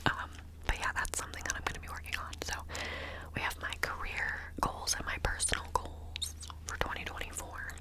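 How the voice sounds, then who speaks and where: A woman's voice: normal speed, poor audio. A woman whispering an informal, meandering ASMR ramble close to the microphone, ear to ear, sometimes repeating words. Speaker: ASMR video creator.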